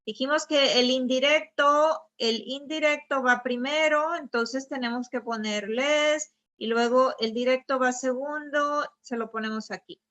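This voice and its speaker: A woman's voice: high-pitched, measured pace, few pauses, a bit bright, highs cut off. A woman teaching a grammar lesson over slides. She explains patiently and keeps checking with her students. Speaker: Spanish teacher.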